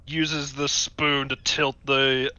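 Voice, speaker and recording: A man's voice: mid-range voice, flat delivery, slow, bright, forceful tone, clear, resonant tone, dry recording. A man at a tabletop game, casually narrating what his character does.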